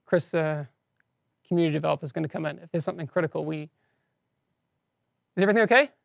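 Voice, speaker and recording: A man's voice: a little high, fast, gravelly, dry recording, studio quality. A man with a non-standard English accent hosting a live game-news stream, giving casual updates with chatty, self-deprecating asides. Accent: non-standard English accent, teased by viewers.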